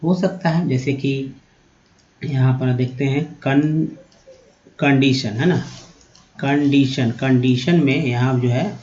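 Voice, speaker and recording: A man teaching English reading over slides, patiently sounding out each word slowly and addressing viewers as friends. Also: mid-range voice, a little mellow. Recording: dull, roomy lo-fi sound.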